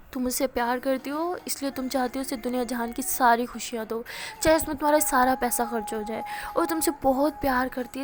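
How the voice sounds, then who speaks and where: A woman voicing a caring middle-aged mother who gently coaxes her daughter. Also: sits high, close to an everyday voice. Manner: soft coaxing reassurance.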